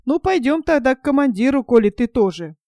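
Casting: woman doing a gruff, blunt male partisan guard, mellow tone, dry close sound, storybook reading. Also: high voice, lively intonation, brisk, no room sound. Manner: blunt, scolding, folksy speech. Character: gruff, stern adult male partisan sentry.

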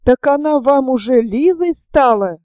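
A woman's voice: sits high, animated, measured pace, dark tone, clean tone, no echo, studio quality. A woman doing an imperious noblewoman. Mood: angry. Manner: commanding, curt, indignant. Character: imperious, indignant wealthy older noblewoman.

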